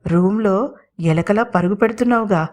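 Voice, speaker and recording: Gentle teasing young guy on the phone, read by a woman narrator, soft and playful, audio story. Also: mid-range voice, moderate pace, natural voice. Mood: tender teasing. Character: young man, tender, teasing lover.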